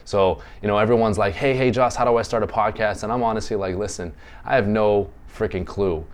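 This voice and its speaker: Low-voiced rambling podcast host, a man. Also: fairly even intonation, fairly quick. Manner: rambling, self-deprecating, laughs easily. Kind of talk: casual chat.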